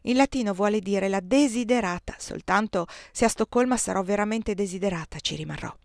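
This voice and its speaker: A woman's voice: medium pitch, fairly quick, gravelly, a little mellow, no echo, studio quality, lightly acted. A woman reading aloud as an earnest, anxious young princess.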